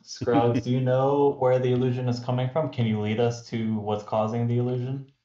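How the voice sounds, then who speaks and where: A man's voice: medium pitch, level tone, normal speed, warm tone. A man playing a tabletop game, speaking hesitantly with lots of fillers, in dull, roomy audio. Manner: hesitant, filler-heavy speech. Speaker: player. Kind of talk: tabletop game role-play.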